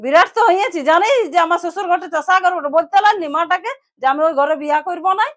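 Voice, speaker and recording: A grumbling, middle-aged village mother-in-law with a Purulia Bengali accent scolds her idle daughter-in-law, played by an actress. She speaks in a very high voice, in a nagging, scolding tone. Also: quick pace, a bit bright. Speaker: actor in a village drama.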